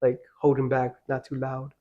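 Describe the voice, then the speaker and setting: A man's voice: medium pitch, monotone, normal speed, warm tone, lo-fi sound. A young man sharing personal ghost stories in a casual, conversational way.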